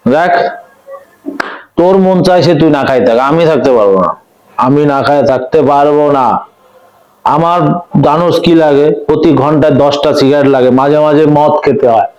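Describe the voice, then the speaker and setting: A man's voice: on the high side, normal speed, pauses often, a little mellow, lightly acted. Man acting a belligerent drunk husband, echoey room. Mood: belligerent, defiant. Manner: belligerent, scolding, demanding. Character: belligerent drunk husband demanding food from his wife. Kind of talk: short film acting. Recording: dull, echoey room sound.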